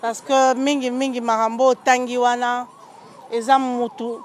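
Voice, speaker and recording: High-pitched, slow-spoken Congolese woman host. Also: flat delivery, slight background noise. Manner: mixes French with Lingala. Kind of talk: talk show interview.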